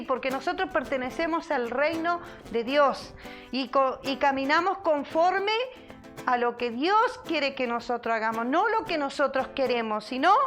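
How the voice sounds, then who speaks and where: A woman pastor giving a sermon in an earnest preaching manner, repeating key phrases and pausing between them. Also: high-pitched, a bit bright. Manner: earnest preaching with repetitions and pauses.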